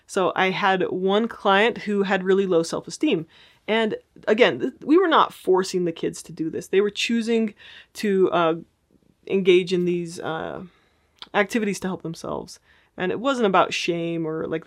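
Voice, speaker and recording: A woman therapist teaching casually, explaining ideas in a friendly way and checking in with her listeners. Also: lowish voice.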